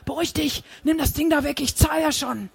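A reader voicing a young man in a hoodie who buys and sells pills, rough and jumpy, in an audiobook. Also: very high voice, brisk, no room sound. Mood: frightened. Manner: aggressive turning fearful.

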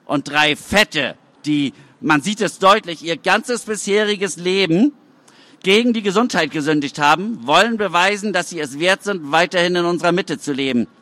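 A man's voice: high voice, moderate pace, a bit bright, no echo, voice pushed up. A man reading aloud, voicing a smug mayor giving a public speech. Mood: oratorical. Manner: oratorical, smug. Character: slick older male mayor giving a speech.

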